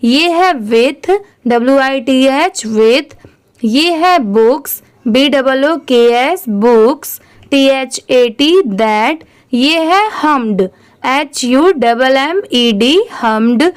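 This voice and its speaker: High, clear, unhurried woman teacher. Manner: spells letters one by one, asks and answers her own questions. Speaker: English reading teacher. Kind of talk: spelling out and pronouncing English words in Hindi.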